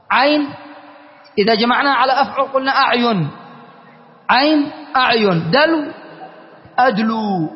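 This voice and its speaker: High-voiced man teaching grammar in a hall. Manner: questioning students, spelling out word forms. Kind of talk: classroom grammar lesson. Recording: dull long-reverb lecture hall recording.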